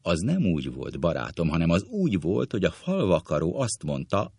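A man's voice: deep voice, huge pitch swings, creaky, a little mellow, breathy edge, no echo, studio quality, exaggerated voice. A man reading a comic story, voicing a bantering middle-aged male doctor reminiscing with an old schoolmate.

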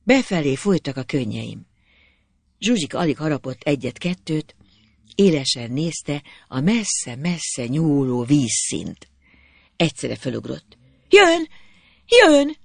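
A reader narrating a literary story in the first person, expressive and melancholy. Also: mid-range voice, vocal fry, husky, no room sound.

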